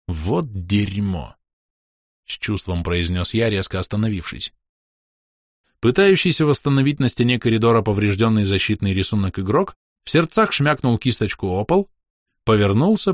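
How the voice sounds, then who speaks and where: A man's voice: medium pitch, very animated, normal speed, dry recording. A man narrating a first-person audiobook in a dry, weary, wry manner.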